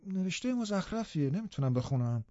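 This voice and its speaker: A man voicing a rough, uneducated young farmhand in an audiobook, talking in a grumbling, gruff way. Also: high voice, big pitch swings, mellow, no room sound, highs cut off, voice pushed up. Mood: surly.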